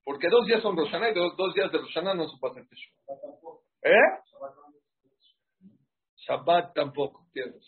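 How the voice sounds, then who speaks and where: Man, sermon, rhetorical questions, very husky voice, muffled lo-fi recording. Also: fairly high pitch, normal speed, long pauses. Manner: rhetorical questions, animated and emphatic. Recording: muffled lo-fi sound.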